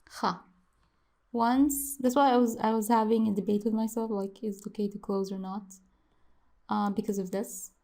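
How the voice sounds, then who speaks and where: A woman's voice: medium pitch, fairly even intonation, normal speed, mellow. A woman teaching how to write and pronounce letters in a casual lesson, repeating each sound many times and musing aloud as she draws. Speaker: language teacher.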